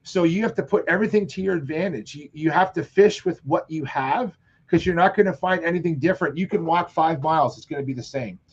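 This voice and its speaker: A man on a live fishing show, telling long rambling stories with animated quoted asides. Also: on the high side, brisk, husky, lo-fi sound. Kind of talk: casual chat on live show.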